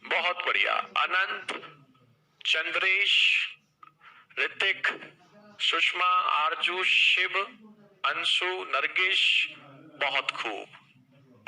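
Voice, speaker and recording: A man teaching a live online maths class in a high, very bright, forceful voice. He fires questions at his students and cheers them on by name. When he reads out a problem, he slows down and drags out each word. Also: low-quality recording. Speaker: math teacher.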